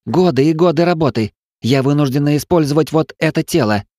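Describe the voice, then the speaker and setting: A man's voice: fairly quick, a little mellow, no echo, studio quality, natural voice. A man voicing a furious woman scientist who has lost her body, shrieking with rage. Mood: enraged. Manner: shrill, screaming with rage.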